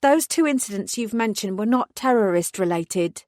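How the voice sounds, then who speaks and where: A woman's voice: mid-range voice, lively intonation, moderate pace, a little mellow, no room sound, clean studio sound, natural voice. A woman narrator voicing a condescending, brusque male police inspector in an audiobook. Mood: dismissive.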